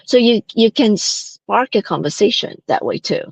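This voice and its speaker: A woman's voice: mid-range voice, lively intonation, normal speed, gravelly, slightly rough, no room sound. A middle-aged woman from Malaysia, a company founder chatting as a guest in an interview, often restarting and tagging her sentences with "right?". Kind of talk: casual interview chat.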